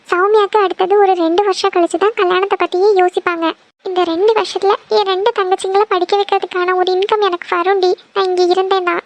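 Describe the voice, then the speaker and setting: A woman's voice: very high-pitched, no echo. A woman voicing an earnest cartoon young woman. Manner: earnest, firm. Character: burdened eldest daughter, young woman, earnest and stubborn. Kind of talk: cartoon voice acting.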